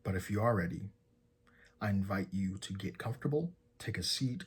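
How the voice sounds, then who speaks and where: A man guides a meditation in a soft, breathy, husky, low-pitched voice, offering calm, gentle instructions separated by long pauses.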